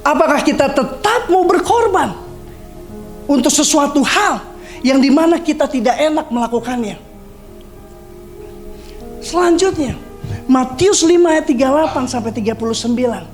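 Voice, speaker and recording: Need: woman preacher with a high voice, chatty sermon delivery, faint music behind. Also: expressive, normal speed, pauses often, darkish tone. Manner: conversational preaching, reading scripture and acting out quotes. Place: church service.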